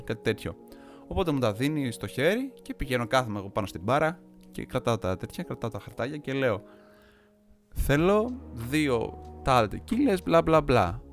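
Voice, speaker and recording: Young man, lively storyteller, quotes people with a voice, faint music underneath. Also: mid-range voice. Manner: animated storytelling, acts out quoted lines. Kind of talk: casual chat, telling an anecdote.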